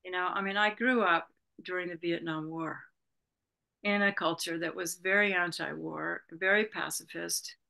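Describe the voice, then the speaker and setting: A woman's voice: on the low side, fairly even intonation, normal speed, gravelly, bright, forceful tone. A woman in her sixties from California, a Buddhist retreat leader talking reflectively as an interview guest, rambling with many "you know"s. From Berkeley, California, USA. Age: 60s. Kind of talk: reflective casual conversation.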